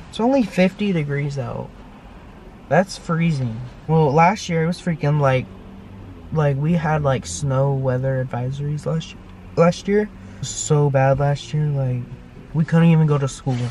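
A woman's voice: low-pitched, unhurried, dark tone, slight background noise. A teenage girl from New York chatting casually while driving, rambling with lots of fillers, recorded on a handheld camera inside a car. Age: teens. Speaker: vlogger. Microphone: handheld compact camera.

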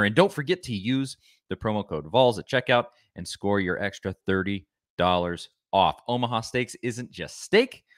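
A young man hosting a podcast, reading a sponsor ad in an upbeat, smooth delivery from a small home room. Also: lowish voice, fairly bright tone, dry recording, clean studio sound. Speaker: podcast host. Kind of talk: read sponsor ad.

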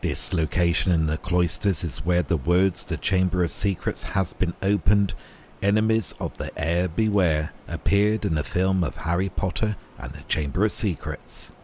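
A low-voiced man delivers scripted tour narration as a guide. His manner is measured and informative, and clear background ambient noise sits behind his words. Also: darkish tone.

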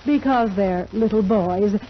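A woman playing a kindly, motherly fairy who gently chides in a 1940s children's radio play. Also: mid-range voice, unhurried, natural voice. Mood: gently chiding. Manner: gently chiding, indulgent. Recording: muffled 1940s radio with faint hiss.

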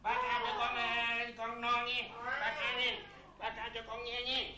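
A weary, complaining husband and father, acted by a woman in a comedy sketch. He scolds his wife and soothes a crying baby in turns, sighing all the while. The voice sits a little high, with a hollow echo and steady noise behind it. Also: measured pace. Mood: soothing baby. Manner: exasperated, sighing "trời ơi" complaints. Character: bickering husband and father of many children. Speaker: comic actor. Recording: echoey room with noise.

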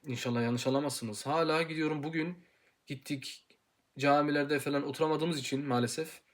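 A young man in his twenties teaching Quran pronunciation in an informal video lesson, drilling syllables aloud, earnest and full of hesitant pauses. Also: fairly high pitch, steady tone. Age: 20s. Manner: hesitant with many pauses and fillers.

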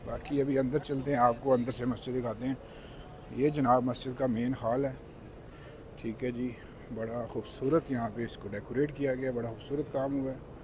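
A man's voice: mid-range voice, steady tone, normal speed, noisy background. A man in his thirties giving a polite, explanatory guided tour to his viewers in a casual vlog. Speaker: travel vlogger. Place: car, outdoor plaza, then mosque interior.

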